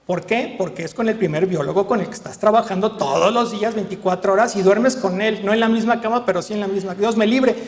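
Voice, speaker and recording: A middle-aged man with a Mexican accent, a veterinarian telling lively anecdotes to an audience and acting out the dialogue. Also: sits high, big-room sound. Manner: lively storyteller, acts out dialogue, frequent tag questions. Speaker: veterinarian giving a talk.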